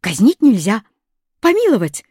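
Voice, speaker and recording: A woman voicing a schoolboy who reasons things out aloud, eager and a bit raised in pitch, in a storybook reading. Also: animated, unhurried, dark tone, breathy edge, no room sound, studio quality. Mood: decided. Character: schoolboy, lazy but trying hard.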